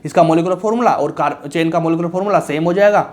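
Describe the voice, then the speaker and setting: A man's voice: on the high side, very fast, darkish tone. A young man teaching chemistry for an entrance exam in a casual, colloquial lecture, asking himself questions and answering them, reassuring his students. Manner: colloquial, reassuring, calls students bhaiya and raja.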